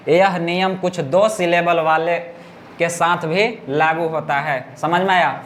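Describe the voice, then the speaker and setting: High-voiced male teacher drilling grammar. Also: fairly bright tone, slight background noise. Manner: repeats and drills words slowly, asks students if they understood. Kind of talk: classroom grammar lesson.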